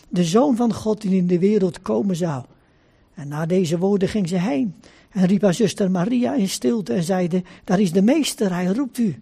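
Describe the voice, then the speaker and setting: Husky, mellow-voiced solemn male preacher. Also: high-pitched. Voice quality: solemn, repeats phrases for emphasis. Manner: slow deliberate preaching with "hè" asides. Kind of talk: sermon with scripture reading.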